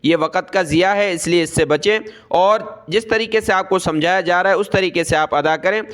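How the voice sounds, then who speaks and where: A man teaching Quranic letter pronunciation, drilling syllables slowly and explaining quickly between them in a patient, corrective way. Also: high voice, fairly bright tone, clear, resonant tone. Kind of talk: recorded recitation lesson.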